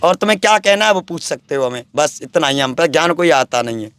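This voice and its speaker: A man's voice: on the high side, lively intonation, fast talker, fairly bright tone, clean tone, no echo. A man, a wandering holy man, talking at length about spirits and devotion in a boastful, preachy way. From Braj region, India. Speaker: wandering sadhu interviewed. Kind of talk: rambling spiritual talk.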